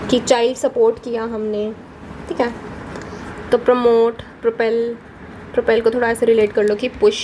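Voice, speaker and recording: A woman's voice: on the high side, background noise. A young woman teaching exam vocabulary with mnemonic tricks, explaining patiently. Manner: explains patiently, repeats "ठीक है" between points.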